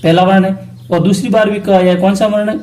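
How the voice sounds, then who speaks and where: A man with a Rajasthani Hindi accent teaches an exam-prep lesson in a fairly high voice. He poses each question aloud and answers it himself, slowing to repeat key terms. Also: little pitch movement, a little mellow. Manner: asks questions then answers them himself.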